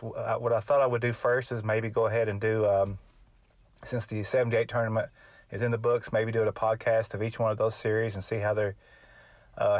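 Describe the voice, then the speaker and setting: Male podcast host, middle-aged, Kentucky Appalachian drawl, lowish voice, dry close sound, informal and unpolished delivery. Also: no echo. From Kentucky, United States. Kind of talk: casual solo podcast chat.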